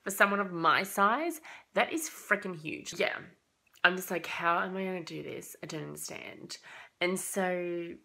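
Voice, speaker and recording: A young woman with a slight cold, casually telling a travel story for her vlog in an animated, chatty way full of "like" and quoted thoughts. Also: on the low side, a little slow, gravelly. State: has a cold, coughing. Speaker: vlogger.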